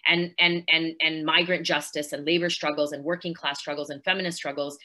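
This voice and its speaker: Low bright-voiced woman on a video call. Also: steady tone, brisk. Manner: earnest, fluent activist talk with fillers. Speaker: panelist, podcast host. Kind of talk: online panel discussion.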